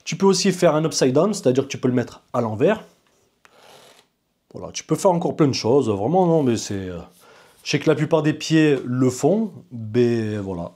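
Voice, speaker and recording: A man's voice: medium pitch, expressive, moderate pace, warm tone. A man casually reviewing camera gear in a vlog, chatty and informal, talking straight to the viewer. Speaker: video maker reviewing gear.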